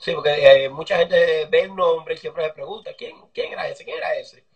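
A man's voice: fairly high pitch, normal speed, lo-fi sound. A man interviewing a mechanic over a video call, asking friendly, chatty questions. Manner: polite, chatty questioning with fillers. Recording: distant video call audio.

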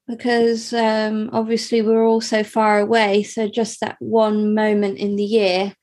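A young woman from the UK answers interview questions about her life, stumbling through many fillers and restarts. Her medium-pitched voice is a little mellow, completely flat, and unhurried.

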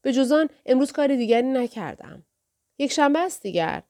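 A woman's voice: sits high, very animated, warm tone, dry recording, studio quality, pitched above the performer's own voice. An anxious woman in love, trying to sound light while her throat tightens, as a female audiobook narrator reads her part. Her words come out strained and a little too cheerful. It is storybook reading, not full acting. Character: anxious lovesick woman on phone.

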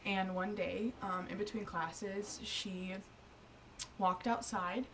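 A woman telling a ghost story in casual podcast chat, pausing often with ums. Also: medium pitch, steady tone. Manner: hesitant, many ums. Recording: distant mic with faint noise.

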